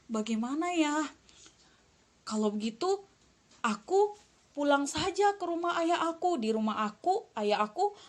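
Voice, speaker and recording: A woman voicing a remorseful runaway young son in a Sunday school story, with a high, tearful, pleading voice.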